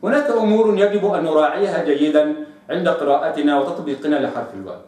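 A man's voice: fairly high pitch, a little mellow. Echoey man teaching recitation. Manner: slow demonstrative pronunciation of examples. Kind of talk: tajweed lesson with recited examples. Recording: very echoey room, mic at a distance.

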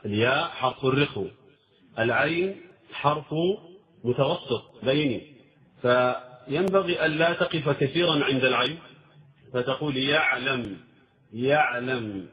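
A man teaching the finer points of recitation in a careful, explanatory way, stretching out example words to show how each letter sounds. His voice sits at a middling pitch. The recording is dull and lo-fi. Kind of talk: tajweed lesson.

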